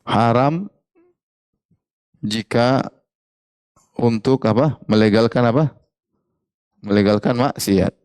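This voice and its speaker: A man's voice: medium pitch, slow, long pauses, a little mellow, clean tone, no room sound. Male preacher, dry close sound. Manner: asks the audience questions and repeats key phrases. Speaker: Islamic preacher. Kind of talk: religious study lecture.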